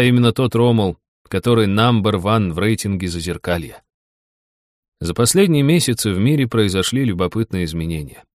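A man narrating a first-person audiobook in an even, steady storytelling manner. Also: lowish voice, dry recording, studio quality.

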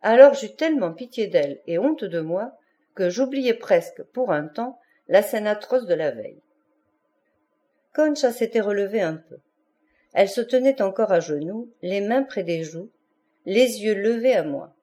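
A woman narrating an audiobook in an even, measured way. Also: mid-range voice. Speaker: audiobook reader.

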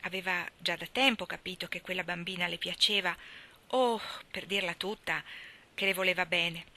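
Female audiobook narrator, expressive and measured, very bright tone. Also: fairly low pitch. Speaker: reader.

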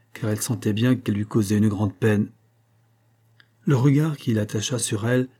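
Male audiobook narrator, measured reading, dark husky tone. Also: lowish voice. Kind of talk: scripted narration.

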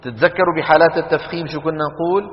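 A man teaching Quran recitation rules to a class, quizzing students with quick questions and chanting the examples slowly. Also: a little high, fairly even intonation. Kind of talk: classroom lesson on tajweed rules. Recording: dull lo-fi recording with long hall reverb.

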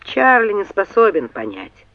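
Woman reading as a calm, cutting young man. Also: mid-range voice, unhurried, dry recording, dull audio. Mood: cool. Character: cool-headed, needling young man.

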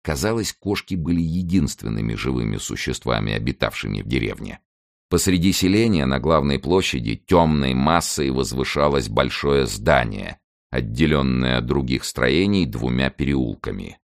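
A man giving expressive, dramatic audiobook narration in a measured way. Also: extremely low pitch, creaky, dry recording, clean studio sound.

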